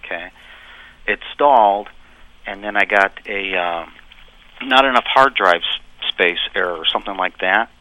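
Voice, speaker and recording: Caller, male, from Ohio, on a landline phone; halting, lots of ums, bright and sharp tone. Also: lowish voice, no room sound, poor audio. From Ohio, USA. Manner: halting, many ums and checking okays. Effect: over a landline phone. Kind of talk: call-in radio caller describing a computer problem.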